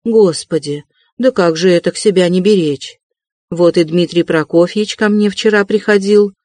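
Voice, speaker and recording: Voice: mid-range voice, moderate pace, darkish tone, dry recording, lightly acted. A reader voicing a fussy, ingratiating middle-aged male investigator in an audiobook, wheedling and chuckling. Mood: fussing, solicitous. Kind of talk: audiobook character reading.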